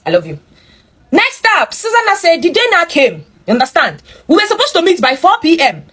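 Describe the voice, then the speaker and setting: Her voice is extremely high, with huge pitch swings, a somewhat bright tone, and a fairly quick pace; her accent is Nigerian. She hosts by reading a viewer's story and reacting along the way. Animated and opinionated, she addresses listeners directly in her interjections.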